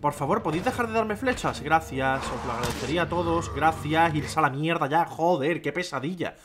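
A young man with a Spain Spanish accent giving casual, excitable gaming commentary, swearing and talking to his viewers. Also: on the high side, a little fast, background noise. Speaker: gameplay streamer. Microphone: desk microphone.

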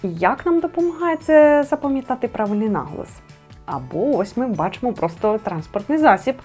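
A young adult woman teaching a lesson, explaining clearly and emphatically. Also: fairly high pitch, sing-song, brisk, a little mellow, faint music behind. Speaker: Ukrainian language teacher. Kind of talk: instructional video lesson.

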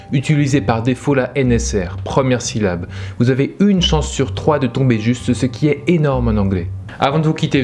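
A man of middle pitch gives a scripted lesson on English pronunciation, explaining carefully and slipping in dry jokes. Faint room ambience sits behind his voice. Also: darkish tone, a little hiss or hum. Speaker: English pronunciation teacher and channel host. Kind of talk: scripted educational narration.

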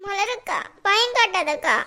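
A woman's voice: very high voice, lively intonation, a little slow, bright, forceful tone, heavily acted. A woman voicing a frightened, pleading younger schoolgirl sister in a cartoon, with a Tamil accent. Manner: whiny, pleading. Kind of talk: cartoon voice acting.

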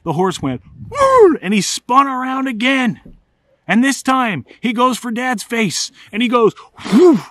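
A middle-aged man, telling a funny personal story in an animated, comic way. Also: very high-pitched, unhurried, no room sound. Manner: animated, comic, builds to excited outbursts. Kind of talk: casual spoken storytelling.

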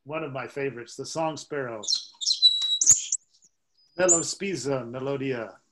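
A man presenting a seminar on songbirds, speaking in a halting, informal lecture style with frequent fillers and imitating bird songs aloud. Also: medium pitch, very noisy.

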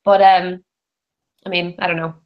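Heard through a computer mic on a video call, the lo-fi voice of a woman sitting in her bedroom runs on the low side with little pitch movement and a normal pace. As a book club panelist, she discusses books casually and frankly, saying "like" over and over.

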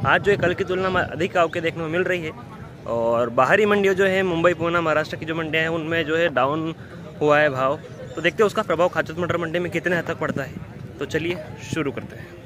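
A man's voice: fairly high pitch, fairly quick, fairly bright tone. A young man, hosting a farm market price report in a repetitive, filler-laced delivery, recorded outdoors on a phone. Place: outdoors in an open produce market yard. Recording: outdoor market noise, vehicles.

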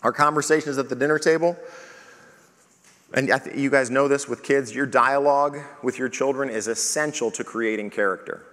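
A man preaching as pastor at a parenting conference, talking lively and acting out the questions he asks his children. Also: mid-range voice, normal speed, big-room sound. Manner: animated, acts out questions to his kids.

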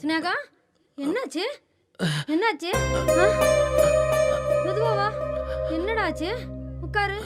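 A fussing middle-aged mother in a film comedy, firing worried questions. Her voice is piercingly high. A loud film score plays behind her. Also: slow pace, pauses often, loud music behind the voice. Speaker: mother-in-law.

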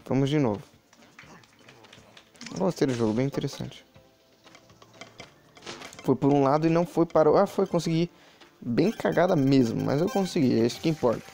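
Guy chatting over a phone game, gravelly low-toned voice, dark sound. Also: moderate pace, pauses often. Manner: chatty, many fillers and asides to the viewers. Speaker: mobile game channel host. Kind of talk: casual gameplay commentary.

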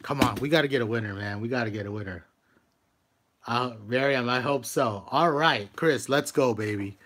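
A man's voice: mid-range voice, normal speed, noisy background. A man hosting a live stream, scratching lottery tickets, greeting viewers by name and urging each ticket on. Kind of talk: casual live-stream commentary.

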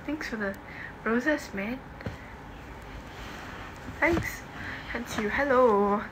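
This young adult livestream host, Singaporean-accented with a slightly high voice, speaks slowly while casually reading and replying to viewer comments. She's at home in her bedroom, recorded on a phone at arm's length in a noisy room.

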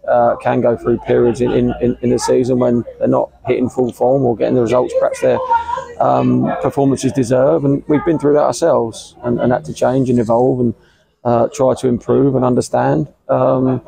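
Man, English accent, 50s, football manager, post-match interview, flat and hesitant, outdoors at a ground. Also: mid-range voice, creaky, poor audio. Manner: measured, hesitant, many fillers and repeats. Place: outdoors under a covered stand at a football ground.

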